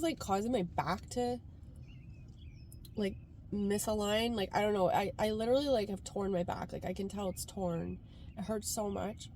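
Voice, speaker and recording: A female vlogger from Canada, stuffed up with a cold, records a casual, rambling car vlog full of "like," with light ambient noise around her. Her voice is medium in pitch and has a darkish tone.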